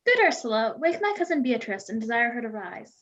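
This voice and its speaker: A bright young bride-to-be, read by a woman in an amateur online play reading. Her high voice swoops up and down with feeling. The sound is muffled and lo-fi, like an online call. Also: very animated, brisk. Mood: playful. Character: young noblewoman Hero, bride-to-be.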